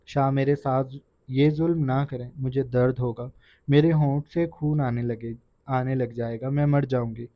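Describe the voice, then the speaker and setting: A man voicing a terrified young wife who pleads through tears in soft, broken, stammering words, in a dry, dull recording. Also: mid-range voice, fairly even intonation, no room sound, natural voice. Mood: sobbing plea.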